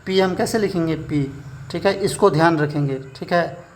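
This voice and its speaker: A man teaching a shorthand class, explaining slowly and checking in with "theek hai" after every point. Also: on the high side, slight background noise. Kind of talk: classroom lesson.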